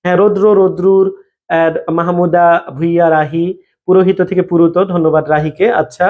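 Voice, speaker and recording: A man's voice: high voice, level tone, a little fast, narrow, tinny audio. A man teaching a live online grammar class, repeating each point and checking in with students by name.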